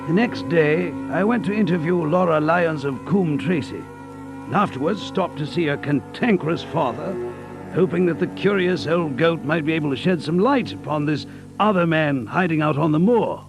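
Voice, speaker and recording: An actor playing an earnest, old-fashioned gentleman doctor in an audio drama, with a hesitant but determined manner. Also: fairly high pitch, expressive, moderate pace, music in the background. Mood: narrating. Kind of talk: audio drama acting and narration.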